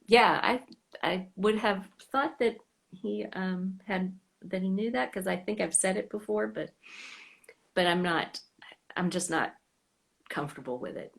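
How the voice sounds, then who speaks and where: An American woman hosts a fan club live stream over a video call, chatting casually and sometimes trailing off into soft whispers. Her mid-range voice is unhurried, with vocal fry.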